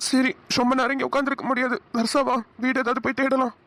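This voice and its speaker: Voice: high voice, flat delivery, quick pace, fairly bright tone, no room sound. A voice actor playing a caring young village husband in a cartoon, speaking in a coaxing, reassuring way. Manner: coaxing, reassuring, rustic address. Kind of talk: cartoon voice acting.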